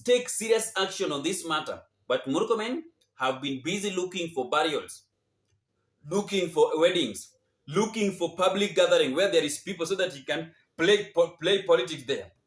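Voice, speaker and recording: A man with a Kenyan accent giving indignant, off-the-cuff political commentary full of repetition and rhetorical questions. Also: high voice. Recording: echoey untreated room.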